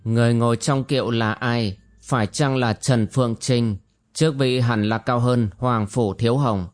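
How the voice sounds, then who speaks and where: A man voicing a calm, cautious young swordsman hero in a storybook reading. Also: mid-range voice, measured pace, natural voice. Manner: calm, reasoning.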